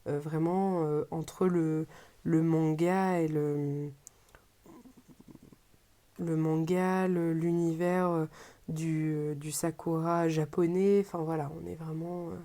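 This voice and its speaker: A woman's voice: low voice, steady tone, slow, dark tone. A woman with a French accent casually presenting an unboxing as a reviewer, hesitant and often searching for her words. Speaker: tarot deck reviewer.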